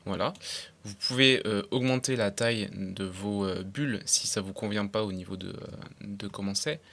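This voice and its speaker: Young man, tutorial voice-over, casual, step-by-step, somewhat low voice, desk mic. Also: moderate pace, creaky, a bit bright. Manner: casual, explains step by step, frequent fillers; slips in English terms, swears casually. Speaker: tutorial creator. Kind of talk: screen-recorded software tutorial.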